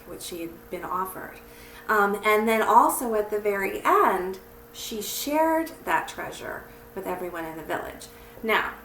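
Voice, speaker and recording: A children's story reader who also teaches at church uses a lowish, slightly bright voice for read-aloud stories and friendly, encouraging, simple talk with kids. A distant microphone gives the clip a roomy feel and a faint layer of noise.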